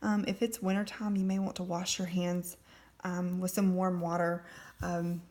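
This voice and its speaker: A woman demonstrating nail products talks through a manicure at normal speed in a lowish, slightly mellow voice with a flat delivery. Her instructions are friendly and step by step, peppered with ums.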